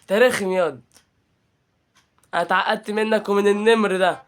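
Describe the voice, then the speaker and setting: A man's voice: high-pitched, steady tone, brisk, clear, resonant tone. A young man with an Egyptian Arabic accent commentating his gameplay, playful and teasing as he trash-talks the game. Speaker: gaming channel host.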